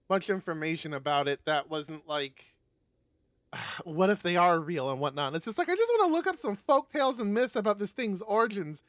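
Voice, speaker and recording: Recorded at studio quality with no room sound, a visual novel stream host whose fairly bright voice sits high reads aloud, peppering the narration with casual, sweary remarks.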